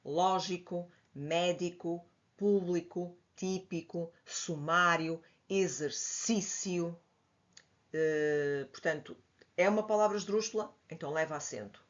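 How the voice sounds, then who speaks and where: A woman with a European Portuguese accent, teaching a grammar lesson and patiently explaining, spelling examples out slowly. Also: fairly low pitch, fairly even intonation. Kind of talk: slide-based grammar lesson. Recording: dull lo-fi audio.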